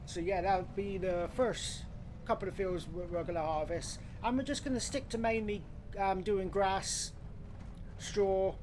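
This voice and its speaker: Bloke streaming a game, chatty and matey, voice a bit high, noisy vehicle sound behind him. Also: male voice, unhurried, a little mellow. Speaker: live streamer. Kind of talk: casual game livestream commentary.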